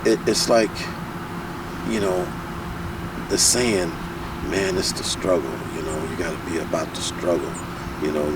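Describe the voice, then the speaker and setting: Heard through a distant microphone over heavy street and car noise, this low-pitched man from the United States talks unhurriedly, leaving long pauses. He's a security professional guesting on a casual interview, driving his points home by repeating them emphatically.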